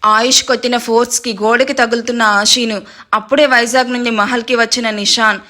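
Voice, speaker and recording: Brief: woman storyteller, scripted dramatic narration, voice pitched high. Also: brisk. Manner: steady dramatic reading, playful asides.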